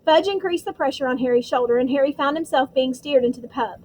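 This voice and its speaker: A woman's voice: high-pitched, quick pace, darkish tone, a little hiss or hum, rough recording. A woman narrating an audiobook, reading steadily with dramatic stresses. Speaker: audiobook reader.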